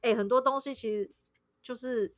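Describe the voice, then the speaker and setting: A woman's voice: on the high side, steady tone, normal speed, dry recording. A woman with a Taiwanese accent in casual chat, talking in an informal, plain-spoken way.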